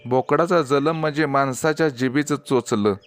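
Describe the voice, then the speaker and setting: A man's voice: mid-range voice, moderate pace, natural voice. A man voicing a grieving mother goat who laments to herself, bitter at how humans treat her young. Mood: sorrowful. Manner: plaintive inner lament.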